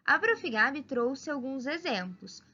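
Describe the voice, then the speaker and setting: A woman giving a children's lesson as a primary school teacher, talking slowly and spelling things out clearly. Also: sits high, very animated, bright, forceful tone. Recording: dull lo-fi sound.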